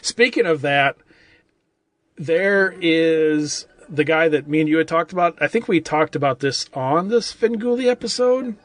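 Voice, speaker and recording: Rambling podcast guy, slightly high voice. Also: fairly bright tone. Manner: rambling, full of "like" and "I mean", restarts a lot. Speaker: podcast co-host. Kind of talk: casual movie-review chat.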